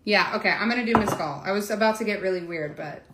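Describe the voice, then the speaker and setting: A fast-talking woman of medium pitch presents a casual cocktail demonstration live, chatting directly with her viewers and throwing in lots of asides. Heavy background noise fills the echoey room, along with faint clatter.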